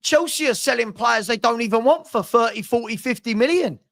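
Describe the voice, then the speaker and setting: A man's voice: very high voice, fairly quick, gravelly, fairly bright tone. A man in full angry rant as a fan-channel host. He sounds exasperated and emphatic, hammering phrases by repeating them, and slips into sarcastic mimicry of those he disagrees with.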